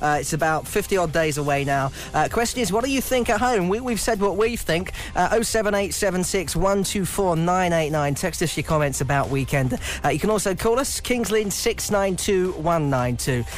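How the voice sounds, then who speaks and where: A man's voice: sits high, animated, moderate pace, few pauses. A man presenting on the radio in an upbeat, chatty style. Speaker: radio host. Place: small radio studio.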